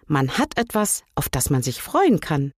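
An older woman voicing a tiny fat old king who shrinks with age, speaking slowly and thoughtfully in a lowered voice. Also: very animated, husky, dry recording, clean studio sound, heavily acted. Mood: musing.

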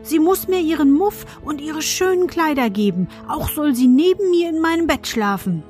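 A woman voicing a spoiled, fierce little robber girl, in a high childish whispered role-play voice. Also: lively intonation, moderate pace, a little mellow, faint music behind. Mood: demanding.

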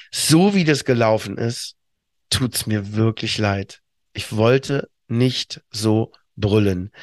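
A man's voice: medium pitch, no echo. A middle-aged man co-hosting a podcast, talking in casual chat, reflective, with many fillers and restarts. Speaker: podcast co-host.

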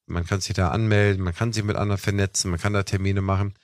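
A young adult man hosts a casual podcast talk show, explaining at length in a chatty way, peppered with fillers like "ne?" and "was weiß ich". His deep voice is flat and fast, recorded with studio quality and no echo.

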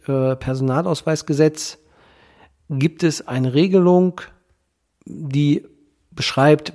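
Nasal, stuffed-up male podcast host, mellow voice. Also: mid-range voice. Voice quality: nasal, congested from a cold. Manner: hesitant, halting delivery with many ehs and ums. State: has a cold. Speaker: podcast host, legal guardianship professional. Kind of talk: informal podcast monologue.

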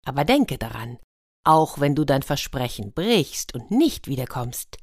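A woman voicing a group of sly female elves in a fairy tale, speaking high and pleading. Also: sing-song, measured pace, dry recording, studio quality, heavily acted. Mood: commanding.

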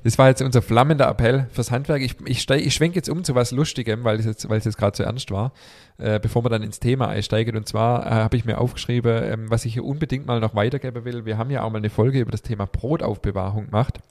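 A fast-talking podcast host with a medium-pitched, steady, somewhat dark voice chats casually. He has a cold and sounds a little stuffy, rambling with lots of fillers and restarts.

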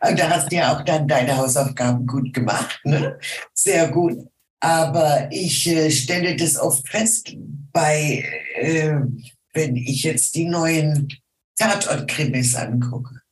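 A middle-aged woman, a voice and singing teacher, speaking as an interview guest in a deliberate way with many hesitations. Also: low voice, reverberant. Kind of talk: casual interview talk.

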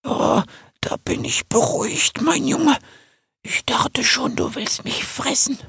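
A man voicing a timid old male salamander in an audiobook, speaking slowly in a breathy, creaky, halting voice that drops to a whisper. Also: sits high, pushed and bright, no room sound, studio quality, voice pushed up, heavily acted. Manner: slow, stammering, partly whispered.

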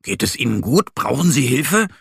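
A man voicing an eager, helpful little bear cub who speaks loudly and clearly, in a storybook podcast. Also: mid-range voice, big pitch swings, moderate pace, no echo, studio quality, voice pushed up, heavily acted. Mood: eifrig. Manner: eifrig, laut und deutlich. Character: kleiner eifriger hilfsbereiter Bär, männlich.

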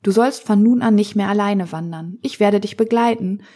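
A woman voicing a kindly, gentle small old woman who speaks tenderly and soothingly, in a storybook reading. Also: medium pitch, normal speed, natural voice. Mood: comforting.

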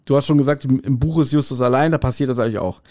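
A podcast co-host with a medium-pitched, darkish voice speaks very fast as he chats his way through retelling an audio drama episode. He discusses the plot casually and laughs often.

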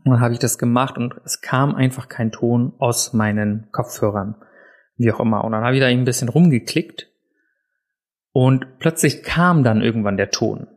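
A man's voice: medium pitch, moderate pace. A man hosting his own podcast, chatting casually and self-deprecatingly with frequent filler sounds, seated indoors at a desk mic. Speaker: podcast host. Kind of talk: casual solo podcast chat. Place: seated indoors in a room set up for recording. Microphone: podcast mic on a desk, also filmed for video.

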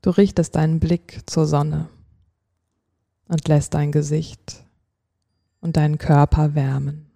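A sleep-story narrator guides a relaxation in a very dark, soft-edged voice, speaking slowly and soothingly with long pauses between short phrases. Her pitch holds even and eases into a gentle creak. The recording is dry, with clean studio sound.

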